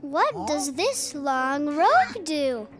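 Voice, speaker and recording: A performer voicing a cheerful, curious three-year-old boy bunny puppet hosting a preschool show, talking in a slow, exaggerated, sing-song, wondering way. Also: high-pitched, very animated, full character voice. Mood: curious, helpful. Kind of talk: children's educational puppet show, talking to young viewers. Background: children's music.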